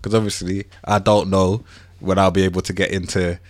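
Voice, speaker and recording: A man's voice: low voice, little pitch movement, fairly quick, no echo. A man in his thirties with a London roadman accent, chatting playfully in slang as a podcast co-host. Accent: London, urban roadman slang style. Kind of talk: casual banter chat.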